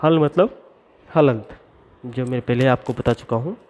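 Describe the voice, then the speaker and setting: A man teaching Sanskrit grammar, reciting the formulas slowly and deliberately and explaining where each sound is made in the mouth. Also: medium pitch, darkish tone. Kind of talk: classroom lesson. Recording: dull lo-fi recording.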